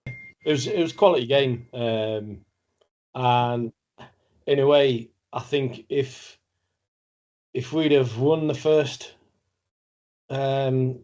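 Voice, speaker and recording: A man talking as a fan guest on a casual podcast, halting and repeating words as he thinks. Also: mid-range voice, a little mellow, highs cut off.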